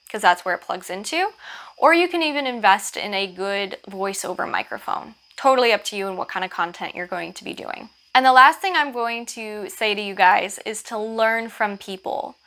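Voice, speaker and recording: A woman's voice: mid-range voice, bright, forceful tone. A woman vlogger chatting casually to camera with advice, informal and self-deprecating, with a lisp from wearing a retainer. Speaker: vlogger and channel host.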